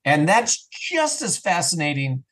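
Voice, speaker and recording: Guesting on a podcast, a man who makes audio dramas explains his work in a relaxed, eager interview, often stammering and repeating himself. His voice sits a little high and sounds a bit bright and husky, very animated yet measured in pace.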